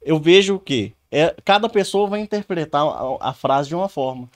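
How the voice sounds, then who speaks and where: A man's voice: on the high side, expressive, normal speed. Man telling an everyday anecdote. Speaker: guest, sales specialist. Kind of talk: casual interview talk.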